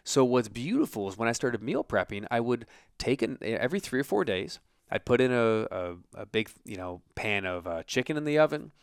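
A man's voice: mid-range voice, very animated, moderate pace, smooth, no room sound, clean studio sound. American man, informal, emphatic motivational coach. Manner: conversational, acts out imagined self-talk. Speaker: self-help coach and show host. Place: basement home office.

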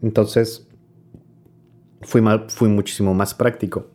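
A man's voice: fairly low pitch, flat delivery, takes it slowly, a little mellow. A young man, an interview guest talking reflectively and rambling with many restarts. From Mexico. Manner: thoughtful, rambling, many restarts and filler tags.

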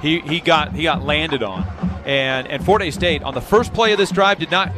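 A man's voice: a little high, moderate pace, over music. A man giving conversational analysis as a football color commentator.

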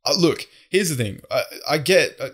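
A man's voice: a little high, lively intonation, a little fast, fairly bright tone, slightly rough. A man in casual podcast chat, talking loosely with slang and frequent swearing.

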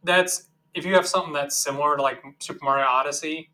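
A man's voice: fairly high pitch, steady tone, fast talker, bright, forceful tone. A man co-hosting a casual gaming podcast, rambling and joking with frequent restarts. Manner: rambling, restarts, jokey asides. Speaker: podcast co-host. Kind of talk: casual chat.

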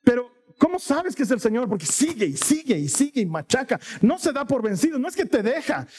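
A man preaching a sermon, telling stories and acting out the dialogue in an animated way. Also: very high voice, brisk, breathy edge. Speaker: pastor. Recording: long hall reverb.

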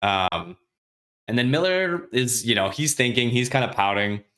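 A man on a podcast casually retelling a novel's chapters, acting out the characters' lines in quick, offhand voices and swearing freely. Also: medium pitch, animated, bright, forceful tone. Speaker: podcast host recapping a book. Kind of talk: casual chat.

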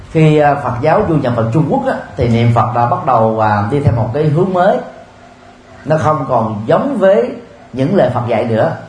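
Guy giving a buddhist dharma talk, slow measured, lots of little pauses, roomy sound w a bit of noise. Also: mid-range voice. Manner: measured, with frequent filler pauses. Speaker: Buddhist teacher. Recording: roomy with faint ambient noise.

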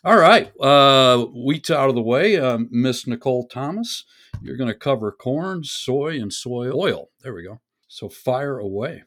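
A man's voice: medium pitch, animated, a little slow, a bit bright. Upbeat man podcast host. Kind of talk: casual podcast chat.

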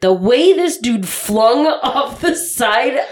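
A woman's voice: a little high, animated, slow pace. A woman co-hosting a podcast, animatedly recapping a movie in casual, profanity-laden talk. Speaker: podcast co-host.

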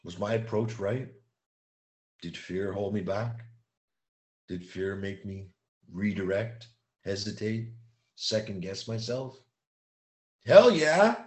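A man giving an emphatic motivational monologue, repeating key phrases and slowing down to stress them. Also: fairly low pitch, roomy sound. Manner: slows down for emphasis. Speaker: motivational speaker.

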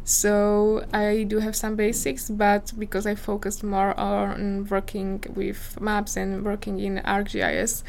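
A woman's voice: mid-range voice, monotone, measured pace, creaky, few pauses, darkish tone, slight background noise. A woman in her twenties from Slovakia with a Slovak accent, answering interview questions earnestly in English as a non-native speaker, searching for her words. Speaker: visiting scholar guest.

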